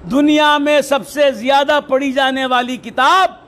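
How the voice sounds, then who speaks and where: A man's voice: extremely high pitch, steady tone, unhurried, fairly bright tone. A man delivering a sermon as a preacher. He asks rhetorical questions, answers them himself and recites Arabic verses. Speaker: Sufi preacher.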